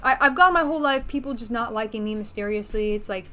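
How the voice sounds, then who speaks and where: A woman with a fairly high voice talks into her camera at home in a loose, rambling vlog. She is a little out of breath, piles on fillers and restarts, and swears bluntly. Faint music plays underneath. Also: quick pace, bright, forceful tone. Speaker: vlogger. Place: bedroom.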